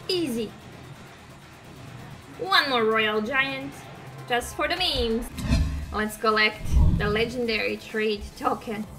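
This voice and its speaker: On a low-quality recording, a young Croatian streamer with a high-leaning voice chats happily about the mobile game she's playing at her home desk. She speaks with a Croatian accent and hums along during play.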